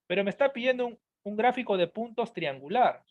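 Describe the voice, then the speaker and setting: A man's voice: sits high, expressive, brisk. A man voicing a curious male student who keeps asking his teacher questions, in an eager, questioning way. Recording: dull lo-fi audio.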